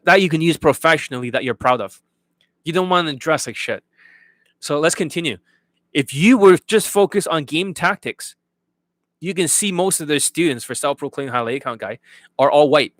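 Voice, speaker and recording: A man with a slightly high, fairly bright voice rants about dating on an unscripted livestream. He coaches his viewers bluntly and profanely, repeatedly asking whether they get it. The recording has no room sound.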